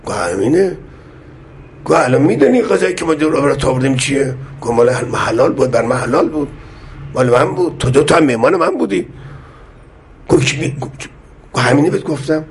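A man preaching a sermon, speaking slowly and with measured weight, and acting out the voices of the people in the stories he tells. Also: mid-range voice, lively intonation, slight background noise. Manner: slow, measured delivery, voicing the people in his stories. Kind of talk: sermon with storytelling.

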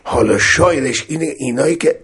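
A man preaching a sermon, swinging between loud exclamations and soft recitation of scripture. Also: medium pitch, husky.

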